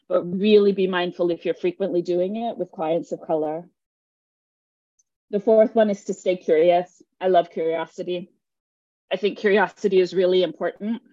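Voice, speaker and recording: Her voice sits on the low side with a dark tone as this Jamaican woman teaches a live online workshop. She speaks earnestly and emphatically and often checks in with her listeners, and the audio is dull with no echo.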